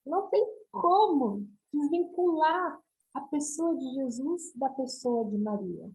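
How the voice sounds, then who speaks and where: A middle-aged woman with a Brazilian Portuguese accent preaches with earnest emphasis, asking her listeners question after question. Her voice sits high, with a dark, mellow tone. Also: animated, takes it slowly, rough recording. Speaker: missionary speaker. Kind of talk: preaching talk on a livestream.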